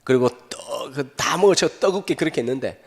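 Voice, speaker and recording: A man pastor preaching a sermon, telling the story in an animated way and tossing rhetorical questions to the congregation. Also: mid-range voice, fairly quick, creaky. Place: church sanctuary. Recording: echoey hall.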